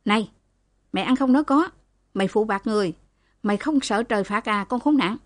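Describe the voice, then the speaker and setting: A woman's voice: mid-range voice, brisk, no room sound, lightly acted. A woman voicing a sturdy, furious office woman who hisses curses and scolds. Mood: furious cursing. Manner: hissing, scolding.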